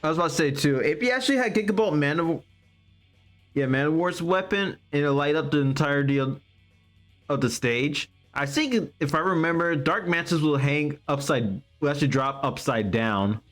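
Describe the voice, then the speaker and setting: A man's voice: a little high, animated, moderate pace, a bit bright. A man giving casual live gameplay commentary as a streamer, explaining as he plays. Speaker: game streamer. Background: game music.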